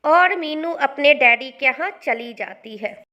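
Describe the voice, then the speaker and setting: A woman reads a moral story aloud in a high, bright voice. Her narration is calm and scripted, and the pitch moves freely. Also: a little slow, muffled recording.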